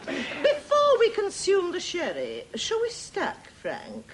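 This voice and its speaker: A snobbish middle-aged mother, genteel and pretentious, with a very lively, rather high voice. She makes pointed remarks in a 1980s sitcom. There is faint tape noise behind her. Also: slow, exaggerated voice, poor audio. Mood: haughty. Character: snobbish, overbearing Yorkshire mother.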